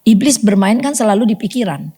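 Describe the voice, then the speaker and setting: A middle-aged woman giving a personal testimony at a church fellowship meeting, telling her story in an animated way with emphatic outbursts. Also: medium pitch, brisk, husky.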